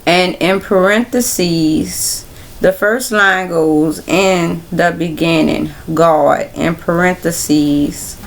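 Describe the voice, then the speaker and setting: A woman hosting a casual Bible study livestream, talking in a relaxed, rambling way straight to her viewers. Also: fairly low pitch, very slow, gravelly, a little hiss or hum. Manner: relaxed, rambling, speaks directly to viewers as y'all.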